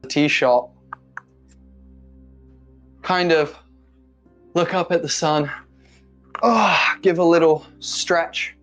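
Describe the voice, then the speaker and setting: A man's voice: fairly high pitch, fairly even intonation, extremely slow, pauses often, a bit bright, soft background music. A man narrating a tabletop game as game master, describing scenes casually with fillers.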